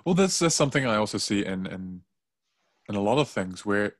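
A man with a fairly low voice chats casually on a video call. He works through his ideas out loud, hedging often with fillers. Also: lively intonation, a little fast. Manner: thinks aloud, hedging with "like" and "I don't know".

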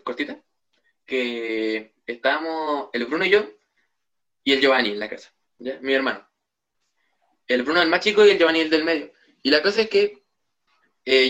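A man's voice: mid-range voice, sharp tone. A young man with a Chilean Spanish accent, co-hosting a podcast and telling stories in a rambling casual way. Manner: rambling storyteller with restarts. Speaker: podcast co-host. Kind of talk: casual chat.

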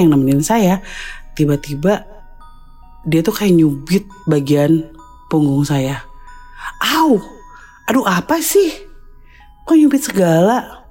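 A woman podcast host telling a first-person ghost story, jumping into a high, worked-up voice when she acts out her own lines. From Indonesia. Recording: soft music behind.

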